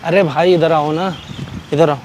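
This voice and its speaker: A man hosting a hidden-camera prank outdoors in a park, talking in an excited, repetitive way and urging others on. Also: fairly high pitch, unhurried, a little hiss or hum. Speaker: prank video host.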